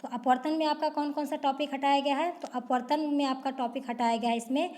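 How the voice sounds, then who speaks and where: A woman's voice: high voice, steady tone, fast, a little mellow. A woman teacher going through a school syllabus for students, asking questions and answering them herself. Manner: repetitive rhetorical questions, answered at once.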